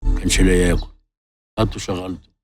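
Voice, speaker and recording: An actor playing a proud neighborhood strongman who boasts in a gruff way, with an Egyptian accent. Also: low voice, flat delivery, quick pace, close to an everyday voice. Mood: gruff boasting.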